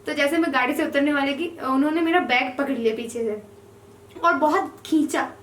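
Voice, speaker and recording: High-voiced young woman telling lively stories. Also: moderate pace. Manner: lively, laughs often while telling stories. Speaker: podcast guest. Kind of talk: casual storytelling. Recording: echoey room, mic at a distance.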